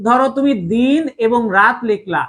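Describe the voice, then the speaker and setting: Lady teacher, kinda high voice, goes over grammar slowly, repeats stuff and quizzes the class. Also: fairly bright tone. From Bangladesh. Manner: patient, repeats key points and asks rhetorical questions. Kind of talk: casual grammar lesson.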